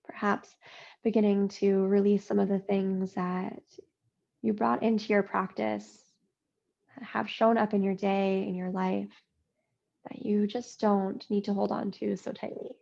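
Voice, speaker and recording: Soft-spoken gravelly woman guiding yoga. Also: mid-range voice, flat delivery, dull audio. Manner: slow, soothing, drawn-out phrasing with long pauses. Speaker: yoga teacher. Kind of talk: slow guided yoga meditation.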